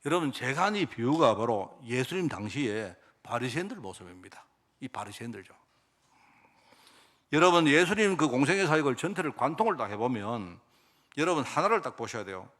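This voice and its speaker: A man's voice: medium pitch, big pitch swings, fairly quick, fairly bright tone. A male pastor tells a story in a sermon, often asking his congregation rhetorical questions. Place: church sanctuary.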